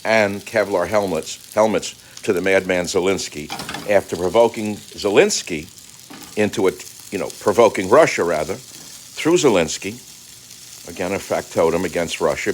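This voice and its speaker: An older man talking casually while he cooks in his home kitchen, rambling and combative, swinging between calm remarks and angry outbursts. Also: sits low, slight background noise, low-quality recording. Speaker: commentator. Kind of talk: casual monologue while cooking.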